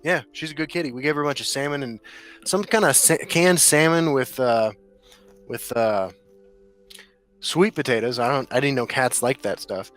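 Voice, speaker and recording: A man's voice: medium pitch, moderate pace, a bit bright, faint music behind. A man co-hosting a gaming podcast in loose casual chat, laughing often and swearing freely. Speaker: podcast co-host.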